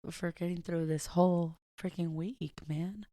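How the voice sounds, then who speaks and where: A woman's voice: lowish voice, steady tone, unhurried, mellow, no echo. A woman co-hosting a casual podcast chat with a sore, dry throat, dropping Spanish words into her talk. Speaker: podcast co-host.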